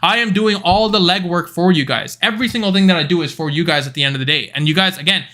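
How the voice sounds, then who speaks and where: A young man with a high, bright voice hosts a live trading stream. He talks in a blunt, emphatic way and swears freely. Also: fast. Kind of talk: live stream chart commentary.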